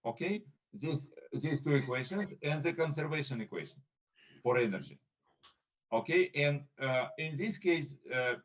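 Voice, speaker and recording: A man giving an academic conference talk over a video call, speaking in a halting, hesitant way with frequent pauses. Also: mid-range voice, poor audio. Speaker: invited speaker.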